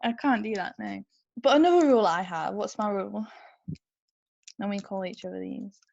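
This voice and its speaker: A woman's voice: mid-range voice, moderate pace, gravelly, a little mellow, dry recording. A woman co-hosting a podcast in casual chat, blunt and giggly. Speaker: podcast co-host. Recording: dull lo-fi mic.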